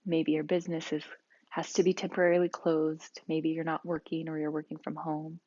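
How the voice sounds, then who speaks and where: A woman leading a guided yoga and breathing class, speaking calmly and slowly with soft-spoken guidance. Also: low-pitched, muffled recording. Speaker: yoga instructor.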